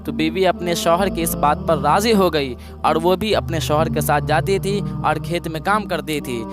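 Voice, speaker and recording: A man's voice: on the high side, normal speed. A man preaching a sermon, retelling a moral story in plain words and repeating phrases for emphasis. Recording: background music under the voice. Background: music.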